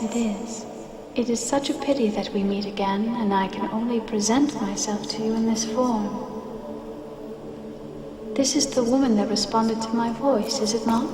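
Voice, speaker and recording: A woman playing the gentle, sorrowful ghost of a noblewoman in a video game, speaking solemnly and formally. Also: a little high, background noise, close to an everyday voice. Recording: echoing long reverb under loud music.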